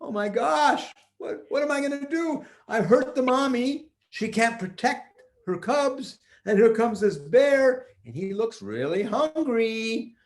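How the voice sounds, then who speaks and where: A man voicing a tender-hearted, excitable young boy hero in a children's story, exclaiming and fretting as he coos at small animals. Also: extremely high pitch, measured pace, voice pushed up. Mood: alarmed.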